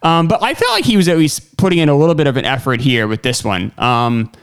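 Podcast host guy, voice a bit on the high side, rambly and chatty, lots of likes and ums. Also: animated, fast, smooth. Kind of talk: casual film discussion.

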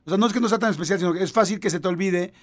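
A man with a Mexican accent chatting casually as a podcast co-host, telling jokey stories. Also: very fast. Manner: jokey storyteller, mimics women in a high voice. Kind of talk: casual chat.

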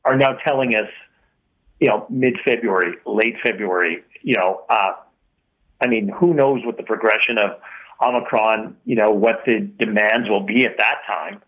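A man's voice: lowish voice, normal speed, highs cut off. A man speaking as a radio guest, rambling with many fillers. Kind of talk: radio discussion.

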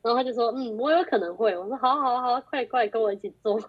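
Rapid-fire and a little high, this young woman's voice comes through the muffled, lo-fi audio of a group phone call. As a guest in a relaxed conversation, she tells a story with animation, performing the quoted dialogue.

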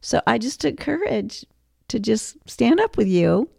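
A woman co-hosts a faith podcast and tells a personal story earnestly. Her voice is mellow and warm with a gravelly fry. The sound is dry and close. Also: a little high, sing-song, measured pace, dry recording. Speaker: podcast co-host. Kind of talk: faith-based conversational podcast.

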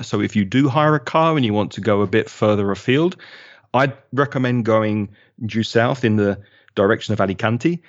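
A man's voice: medium pitch, dry recording, lo-fi sound. A man with a London accent, a guest chatting casually and enthusiastically in an interview, spelling out names as he goes. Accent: London English. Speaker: guest, local resident.

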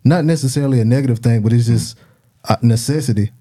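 A man with a Southern, South Carolina accent and a very soft-edged, dark voice. He talks casually in colloquial slang, at an average pitch. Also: fast. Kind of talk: casual chat.

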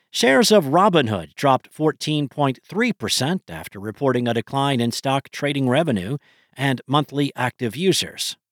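Lively male financial news podcast host. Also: mid-range voice, no room sound, studio quality. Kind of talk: scripted financial news narration.

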